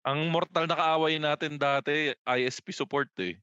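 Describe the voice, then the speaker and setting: A man's voice: fairly high pitch, steady tone, normal speed, bright, forceful tone, clear, resonant tone, no echo, lo-fi sound. A married Filipino man co-hosting a podcast, joking crudely and laughing a lot as he riffs on silly ideas. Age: adult, married. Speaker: podcast co-host. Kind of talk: casual joking chat.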